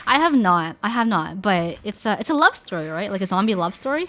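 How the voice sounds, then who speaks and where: A young woman streaming, chatting casually with viewers in an animated way, filling her talk with "like" and restarting her sentences. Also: medium pitch, a little fast, a little hiss or hum. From Canada.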